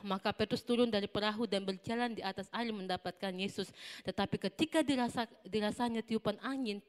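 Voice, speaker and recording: A woman teaching a children's Sunday school Bible lesson in an animated way, quizzing the children with questions. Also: medium pitch. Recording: long hall reverb.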